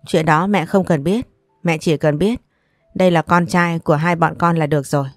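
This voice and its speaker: Lady doing a stern young husband, flat and serious, dry. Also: on the low side, normal speed, dry recording, soft background music, close to an everyday voice. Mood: firm. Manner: serious, firm. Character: firm, cold young husband.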